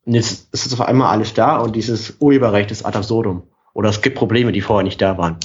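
A man's voice: lowish voice, steady tone, fast. A man from Switzerland co-hosting a history podcast, bantering with playful, dramatic teasing. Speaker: podcast co-host. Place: hotel in Thailand. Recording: lo-fi remote call audio.

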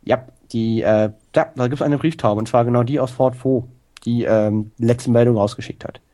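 A man co-hosting a casual history chat, explaining in a relaxed way. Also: medium pitch, normal speed. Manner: relaxed explaining, some fillers. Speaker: podcast co-host.

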